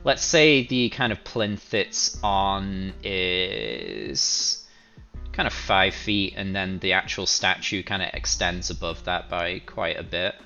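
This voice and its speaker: Man, game master, low gravelly voice, bright tone, casual and hesitant, muffled audio, faint music. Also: animated, slow. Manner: casual, hesitant, many fillers. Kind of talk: running a tabletop game.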